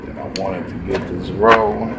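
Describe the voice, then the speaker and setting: A man's voice: deep voice, fairly even intonation, moderate pace, gravelly. A man hosting a do-it-yourself video, explaining a build in a loose, chatty way and talking straight to his viewers. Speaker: DIY video host. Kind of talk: casual how-to instruction. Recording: distant camera mic with loud outdoor noise.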